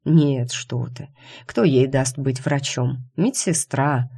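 A woman's voice: very deep voice, takes it slowly, dark tone, slightly rough, exaggerated voice. Storybook doctor husband, caring and insistent, read by a woman narrator. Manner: fussy and insistent about her health.

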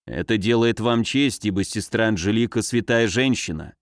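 A man voicing an angry, gruff male rebel leader who shouts threats. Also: on the low side, normal speed, dry recording, studio quality, lightly acted.

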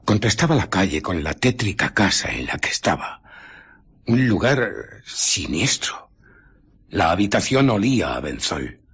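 A man with a Castilian Spanish accent playing an arrogant, amoral scientist who justifies himself in a radio drama, in a theatrical, deliberate storytelling manner. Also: deep voice, very animated, a bit bright, slightly rough, exaggerated voice. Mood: brooding, recounting. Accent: Spain.

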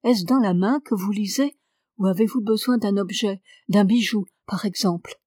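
A woman reading the lines of a distraught young woman who talks quickly. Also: mid-range voice, mellow, no room sound, clean studio sound, lightly acted. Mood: eager.

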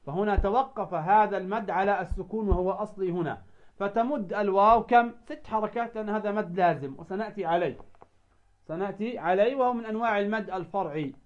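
A man with a high voice teaches the rules of recitation at a steady classroom pace. He keeps asking his listeners questions and answering them himself, and he slows down to draw out each quoted verse. The recording sounds muffled and lo-fi. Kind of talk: explaining a recited poem line by line. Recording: dull lo-fi sound.

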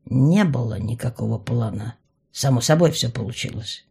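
A woman lowers her voice into a sly young mage who drawls every line with lazy mockery. The voice sits low and dark, a little husky, in a storybook reading. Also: expressive, moderate pace, full character voice. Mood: mocking. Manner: drawling, teasing. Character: sly young male mage, mocking, unbothered.

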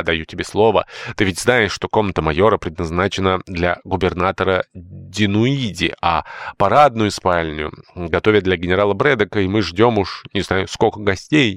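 A fussy, indignant old nanny-housekeeper from an audiobook scolds and pleads in a high, shrill way, as a male narrator puts her on. The sound is dry and close, with no room around it. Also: vocal fry, no echo.

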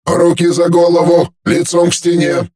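A man voicing a police drone robot with a booming metallic voice, barking flat commands in an audiobook. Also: moderate pace, roomy sound. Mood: commanding. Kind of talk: audiobook character voice.

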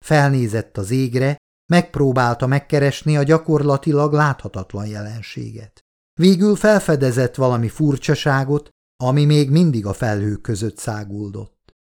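A man reading a novel aloud as an audiobook narrator, in a steady, measured way. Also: medium pitch. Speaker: audiobook reader. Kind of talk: scripted narration.

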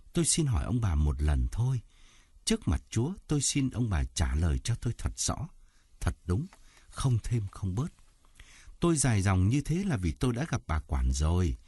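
A man's voice: low voice, dark tone, dry recording, clean studio sound, full character voice. A man doing a stern, precise teacher. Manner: clear, measured, like lecturing a pupil. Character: precise, stern male teacher acting as mediator.

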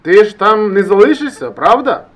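A man voicing an agitated male friend who shouts down a phone line, pushy and swearing, in an audiobook. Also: a little high, huge pitch swings, brisk, husky, voice pushed up, full character voice. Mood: worried pleading. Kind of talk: audiobook character voice.

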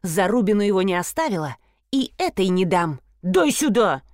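A woman voicing a brash, crude, squabbling rich blonde woman who talks in loud, shrill, slangy outbursts. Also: big pitch swings, moderate pace, no room sound, studio quality, lightly acted. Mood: defiant.

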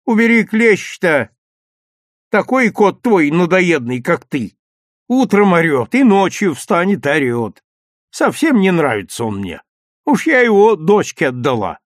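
A man's voice: sits high, very animated, a little slow, dry recording, clean studio sound, pitched above the performer's own voice. A man reading a story aloud, voicing a fussy old village grandmother who scolds and grumbles. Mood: grumbling. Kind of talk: audiobook reading.

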